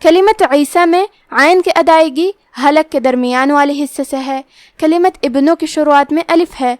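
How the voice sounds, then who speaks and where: Lady teacher with a high voice going step by step thru tajweed rules, dry close sound. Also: no room sound. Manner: careful, methodical, drawing out words in slow examples. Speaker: Quran recitation teacher. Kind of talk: slow explanatory tajweed lesson.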